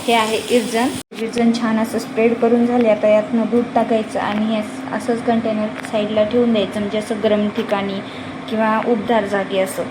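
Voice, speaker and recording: A woman's voice: fairly high pitch, flat delivery, normal speed. A young woman explains her cooking step by step in a homely way in her kitchen. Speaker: home vlogger. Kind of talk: casual cooking vlog chat. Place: home kitchen. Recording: home recording with clear background noise.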